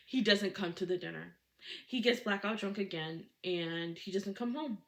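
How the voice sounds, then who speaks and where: A woman's voice: medium pitch, moderate pace. A woman giving a casual, dramatic book recap, full of rhetorical questions.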